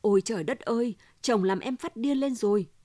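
A woman's voice: a little high, a little fast, dark tone, no room sound, studio quality, lightly acted. Woman reading as a pleading, distraught wife. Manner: pleading, insistent.

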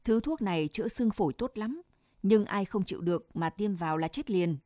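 A woman doing a calm kindly old doctor. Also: mid-range voice, a little fast, no room sound, studio quality, lightly acted. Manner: calm, reassuring.

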